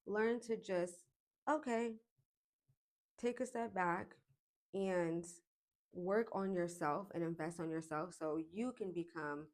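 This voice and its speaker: A woman in her late twenties talking to camera in a casual self-help vlog, reflective and chatty, with frequent pauses and fillers. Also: on the low side. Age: 20s. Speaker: vlogger.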